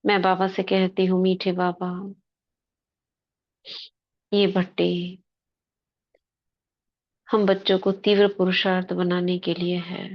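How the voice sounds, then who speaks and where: A female meditation leader guides a spiritual session in a fairly low, very even voice. She speaks very slowly, in short devotional phrases separated by pauses, and the recording sounds slightly dull and lo-fi.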